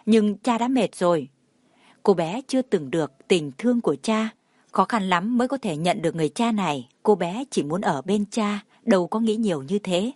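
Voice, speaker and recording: A woman's voice: medium pitch, lively intonation, a little fast, darkish tone, no echo. Woman narrating a story, dry sound. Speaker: audiobook narrator.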